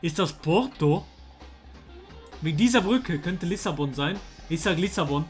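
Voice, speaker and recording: A young man, talking casually to his chat while playing a guessing game, excitable and slangy. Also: fairly high pitch, moderate pace. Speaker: streamer. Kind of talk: casual gameplay commentary. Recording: faint music underneath.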